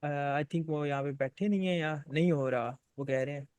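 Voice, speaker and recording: A man's voice: fairly high pitch, normal speed, darkish tone, smooth, no room sound. A man moderating a live video session, polite and hesitant, mixing English into his speech with many "uh"s. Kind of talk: live online session hosting. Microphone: video call.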